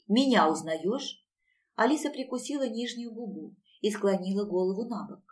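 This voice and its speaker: A woman reading an audiobook in an even storytelling voice. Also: mid-range voice. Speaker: audiobook narrator. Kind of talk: scripted narration.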